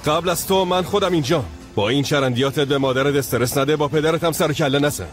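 A middle-aged man dubbing a stern uncle who tries to calm his family. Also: fairly high pitch, soft background music, lightly acted. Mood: firm. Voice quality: firm, calming. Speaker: dubbing actor. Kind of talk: Persian dub of a TV drama.

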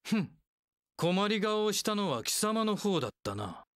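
A male actor voices an imperious warlord strategist for a Japanese action game, clipped, haughty and coldly disdainful toward his underlings. The high-pitched voice swings widely in pitch at a moderate pace, captured clean in a studio with no room sound.

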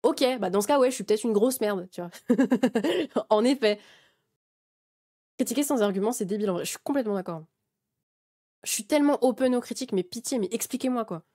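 Animated young woman streamer ranting. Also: a little high, a little fast, long pauses. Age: 20s. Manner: heated, swears freely, many restarts. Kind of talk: casual rant to chat.

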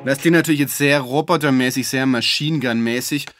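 A man giving a relaxed, chatty music-software tutorial, with fillers and self-corrections. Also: medium pitch, fairly quick. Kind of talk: screen-recorded software tutorial.

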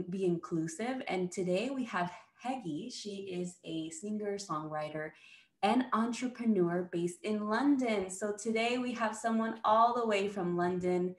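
A woman in her thirties hosting a podcast interview over a video call, welcoming with an occasional Spanish greeting. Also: mid-range voice. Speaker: podcast host. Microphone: video call webcam. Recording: roomy video-call sound.

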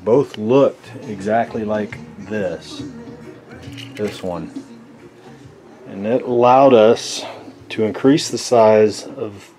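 A man giving a casual walkthrough of his sailboat from behind the camera, relaxed and halting with lots of fillers. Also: fairly low pitch, soft background music. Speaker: boat owner giving a tour. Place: inside a sailboat cabin. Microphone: handheld camera mic, speaker off camera.

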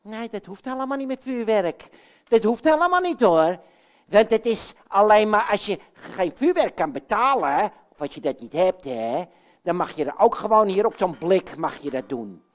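A woman's voice: mid-range voice, very animated, moderate pace, close to an everyday voice. A woman voicing a boisterous male puppet character in a children's puppet show, chatty and blustery, talking to the children. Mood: bossy. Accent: Dutch. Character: Jan Klaassen, boisterous male puppet man.

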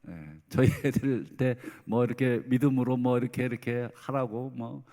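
A middle-aged man preaching a Sunday sermon as senior pastor, lively and dramatizing the voices of parents and children. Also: mid-range voice, normal speed. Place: church sanctuary. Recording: long hall reverb.

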